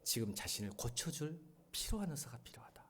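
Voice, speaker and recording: A middle-aged man, a pastor, preaching a sermon in a church, shifting between quiet, earnest lines and loud, animated retellings. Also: medium pitch, fairly quick, husky, whispered. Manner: animated, swings from soft to loud when retelling a drama scene. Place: church sanctuary.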